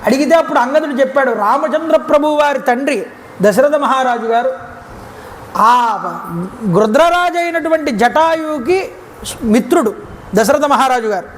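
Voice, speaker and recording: A man's voice: extremely high pitch, animated, moderate pace, pauses often. A man with a Telugu accent giving a devotional discourse that retells an epic story, acting out the characters' words as he goes. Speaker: Ramayana discourse speaker. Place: temple grounds. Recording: reverberant hall, faint background noise.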